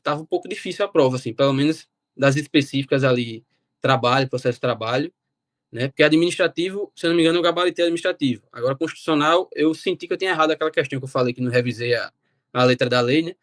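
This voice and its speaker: A young man, telling his story as a guest in a casual, animated way. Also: a little high, racing, no room sound, studio quality. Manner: animated, quotes himself and relatives. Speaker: interview guest.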